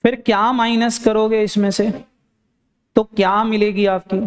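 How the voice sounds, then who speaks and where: A man teaching an accounting class in a lecture style, firing questions at students and answering them himself in a lower voice. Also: little pitch movement, a little slow. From India. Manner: urging, repeats phrases for emphasis.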